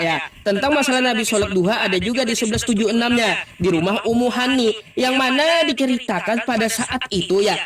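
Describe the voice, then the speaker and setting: Male debater, high voice, methodical and teasing, roomy distant mic. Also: a bit bright. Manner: cites sources by number, with many tag fillers, teasing. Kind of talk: heated religious debate.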